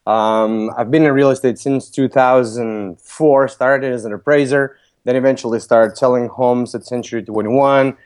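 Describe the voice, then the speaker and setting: A man's voice: medium pitch, steady tone, normal speed, darkish tone, clear, resonant tone. A man in his thirties from Lithuania, speaking with a Lithuanian accent, answering interview questions as a guest in a matter-of-fact, businesslike way. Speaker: podcast guest, real estate broker.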